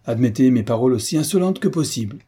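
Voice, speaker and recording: A man's voice: medium pitch, lively intonation, moderate pace, warm tone, breathy edge, voice pushed up. A man voicing a proud, impatient nobleman who speaks curtly and with indignation in a storybook reading. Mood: indignant. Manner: curt, indignant. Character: proud, impatient young nobleman, easily angered.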